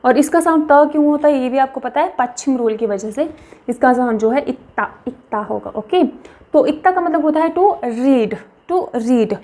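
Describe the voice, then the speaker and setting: A young woman teaching a language lesson, repeating each word slowly for practice. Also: high voice, lively intonation, a little mellow. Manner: slow, repeats words for practice.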